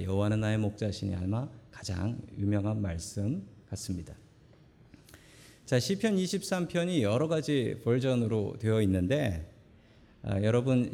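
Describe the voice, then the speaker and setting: A man's voice: fairly low pitch, vocal fry, dark tone. A male pastor from Seoul preaching a Sunday sermon in a church, earnest and emphatic with folksy asides. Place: church sanctuary.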